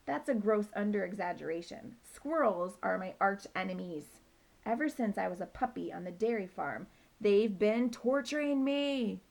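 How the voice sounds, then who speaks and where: Woman doing a loud, higher-pitched male dog, shouty and indignant, in a children's book read-aloud, slight gravel in the voice. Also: lively intonation, moderate pace. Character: excitable male dog obsessed with hating squirrels.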